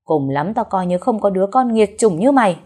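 A woman's voice: medium pitch, lively intonation, moderate pace, darkish tone, pitched above the performer's own voice, lightly acted. A woman voicing a domineering old father who barks harsh commands. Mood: furious. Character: furious old patriarch, domineering.

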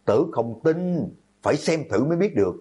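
A man voicing a hot-headed teenage schoolboy who yells and curses at his classmates, in a horror audiobook. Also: on the high side, lively intonation, normal speed, slightly rough, voice pushed up. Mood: furious. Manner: yelling, cursing.

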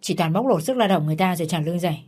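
A woman's voice: lowish voice, animated, very fast, dark tone, breathy edge. A woman voicing a frank, gossipy woman who sells medicine. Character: frank, kindly pharmacy saleswoman.

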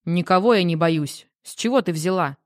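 A woman's voice: lowish voice, moderate pace, no room sound, studio quality, natural voice. A woman reading the part of a rattled, irritable grown man who answers curtly in an audiobook. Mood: defensive. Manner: curt, defensive replies.

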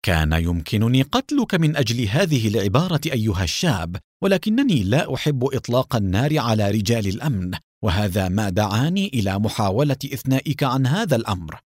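Brief: cold, sarcastic masked gunslinger, read by a man, lively pitch, dry sound. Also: no echo, lightly acted. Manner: calm, mocking. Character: calm masked vigilante cowboy, a grown man, cold and sarcastic.

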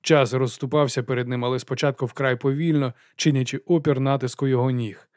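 A man's voice: mid-range voice, steady tone, a little fast, a little mellow, no room sound. Man narrating an audiobook, dry sound. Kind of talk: scripted narration.

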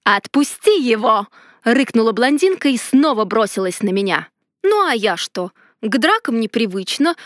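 A woman narrating a first-person fantasy romance, telling it in a lively and expressive way. Her voice sits on the high side. The recording is close and completely dry. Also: dry recording. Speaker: audiobook narrator.

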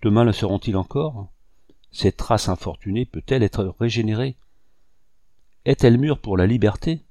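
A man's voice: fairly low pitch, moderate pace, dark tone, no echo, close to an everyday voice. A man reading the lines of a weary, brooding male rebel commander in an audiobook.

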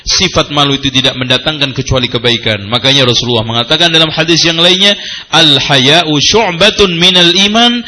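Bright, animated preacher man. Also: fairly high pitch, a little fast. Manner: animated, jokes with the audience, quotes Arabic. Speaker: Islamic preacher. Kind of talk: sermon with humor.

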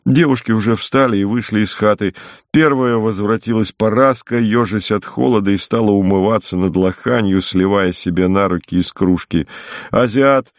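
A man reading classic prose as an audiobook narrator, in a calm, even storytelling manner. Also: lowish voice, normal speed, no room sound, clean studio sound. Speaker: audiobook reader.

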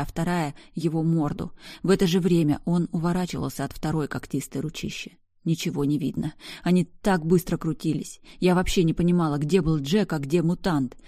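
A woman's voice: low voice, warm tone, no echo, studio quality. A woman narrating a first-person story in an intense, dramatic reading.

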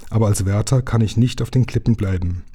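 Ancient gentle sea creature, melodious and solemn, low dark husky tone, as a man reads him. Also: brisk, a little hiss or hum, lightly acted. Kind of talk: storybook reading aloud.

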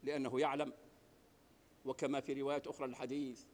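A man preaching a Friday sermon, swinging from hushed tones to loud outbursts. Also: mid-range voice, flat delivery, fast, in a large hall. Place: mosque.

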